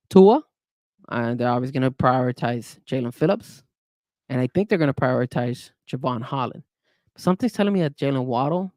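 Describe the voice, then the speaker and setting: A man co-hosting a casual sports podcast, talking in an animated way with frequent restarts and hedges. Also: mid-range voice, no room sound. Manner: animated, hedging, many restarts. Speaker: podcast co-host.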